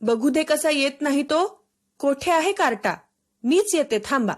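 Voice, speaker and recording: A woman voicing a strict village mother in a storybook reading, giving sharp commands. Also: sits high, lively intonation, a little slow. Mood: scolding.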